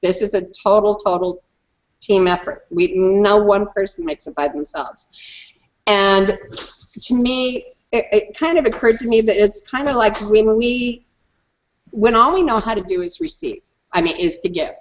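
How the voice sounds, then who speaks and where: A woman, a guest in an online hangout, telling a personal story in an emphatic, animated way and often repeating words. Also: medium pitch, measured pace, lo-fi sound.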